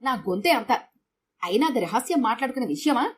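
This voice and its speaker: A woman voicing a sharp-tongued middle-aged housewife who scolds curtly. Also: fairly high pitch, animated, brisk, a little hiss or hum, close to an everyday voice. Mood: scolding. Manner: scolding, curt.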